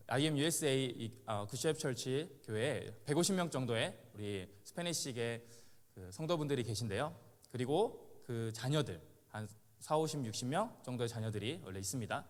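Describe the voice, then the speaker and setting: A man in his thirties, a missionary, telling a story in a sermon to a congregation in a relaxed, conversational way with many filler sounds and chuckles. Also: mid-range voice. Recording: long hall reverb.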